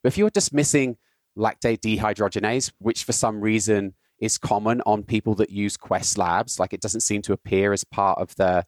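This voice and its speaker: A British man, a guest on a podcast, explaining health data tools in a casual, explanatory way, often checking in with a quick "right?". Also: fairly low pitch, fairly even intonation, no room sound. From Britain. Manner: explanatory, builds points with rhetorical "right?".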